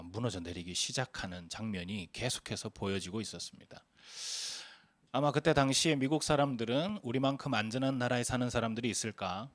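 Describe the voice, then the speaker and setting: A male pastor in his forties delivers a sermon in an earnest, storytelling manner, often pausing on hesitant fillers. His voice sits in an ordinary middle register. The sound is dry and close, with no room echo. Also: medium pitch, fairly bright tone.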